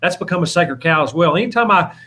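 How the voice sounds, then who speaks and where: A man speaks quickly in a fairly high voice. He talks like an evangelist in an informal interview, earnest and exhorting, circling back to repeat his points. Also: animated, sharp tone, breathy edge. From Alabama, southern United States. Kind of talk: informal interview talk with preaching.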